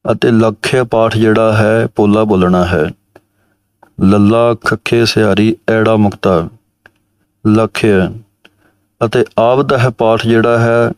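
A man with a low, smooth and even voice teaches sacred recitation at an unhurried pace. He chants each line in a measured way, then calmly explains how to pronounce it. The recording is dry and close. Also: no echo. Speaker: Gurbani pronunciation teacher. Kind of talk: recitation lesson.

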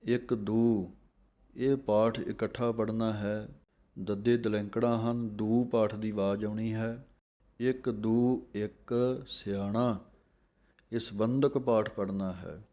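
A low-voiced man leads a recitation lesson. He chants each verse at a very slow, drawn-out pace. Then he explains the pronunciation in a flat, even tone. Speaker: teacher of scripture recitation.

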